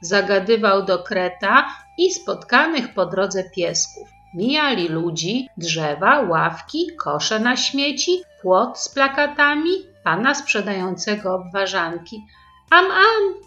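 Lady reading a bedtime-style story to preschoolers, real slow, bit muffled sound, faint music behind. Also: medium pitch. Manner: slow, lively, expressive reading. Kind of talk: reading a children's story aloud. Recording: slightly dull recording with faint music.

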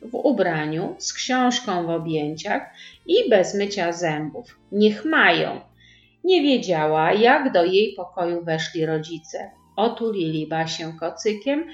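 A woman reads a children's storybook aloud, slow and full of lively melody. The sound is roomy and a little dull, with soft music underneath. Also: lowish voice. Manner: expressive, slow, sing-song reading.

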